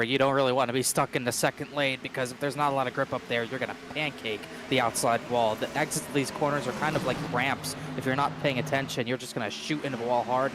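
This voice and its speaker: A man's voice: medium pitch, noisy background. A man giving motorsport commentary, running down positions and analysing an online race.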